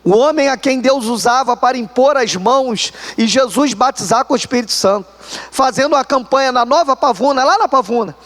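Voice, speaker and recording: A Brazilian man preaching with a strikingly high voice for a man. He tells his story animatedly, speaking straight to the listeners as brothers. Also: brisk, a bit bright. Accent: Brazilian Portuguese. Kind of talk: sermon testimony.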